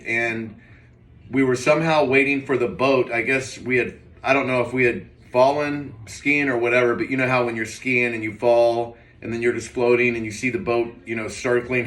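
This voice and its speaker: A man recounts a dream in a hazy, puzzled manner, rambling casually and hesitantly. His medium-pitched voice sits away from the microphone, with the room's echo clearly around it. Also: fairly bright tone. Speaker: vlogger. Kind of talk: casual, rambling first-person storytelling. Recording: roomy echo, distant mic.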